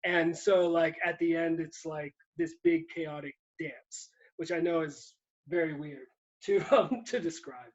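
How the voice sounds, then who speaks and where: A man's voice: fairly high pitch, a little slow, muffled recording. A man from Puerto Rico talking casually about books, rambling with many restarts and easy laughs. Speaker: guest writer.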